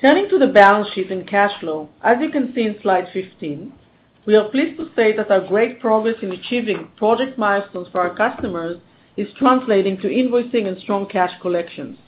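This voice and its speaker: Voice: animated, moderate pace. An executive reads scripted quarterly results in a formal, stiff corporate delivery over a conference call line. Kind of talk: scripted earnings call presentation. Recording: narrow phone-line sound, faint rumbling noise.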